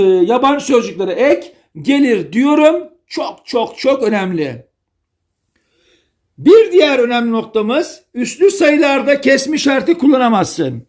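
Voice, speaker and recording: Male teacher from Denizli, lively and playful, spelling rules out word by word. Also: very high-pitched. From Turkey, Denizli. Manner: playful, repeats key words and spells out rules. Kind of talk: online grammar lesson.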